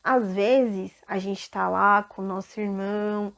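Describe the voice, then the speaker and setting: A woman's voice: mid-range voice, takes it slowly, gravelly. A woman with a Brazilian Portuguese accent, telling a Bible story to children and asking them questions. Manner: animated, asks children questions.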